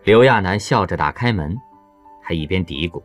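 A man reading an audiobook novel as its narrator, in a lively storytelling way. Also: low voice, moderate pace, soft background music. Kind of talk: scripted narration.

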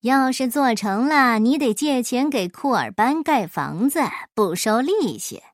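A clever folk hero teases with calm, sly remarks, as a woman reading a storybook puts him on. The voice sits fairly high and moves slowly. The recording is dry and close. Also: dry recording. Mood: sly teasing.

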